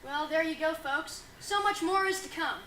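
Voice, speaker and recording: A chipper dating-show host, played by a woman, chirps along in a very high, bright voice with a bubbly, announcer-like lilt. The room around her gives a noticeable echo. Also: moderate pace. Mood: perky. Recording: roomy echo, faint noise.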